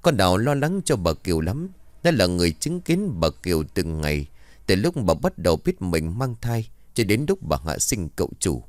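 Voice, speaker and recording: Deep-voiced man narrating a horror story. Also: big pitch swings, normal speed, dry recording.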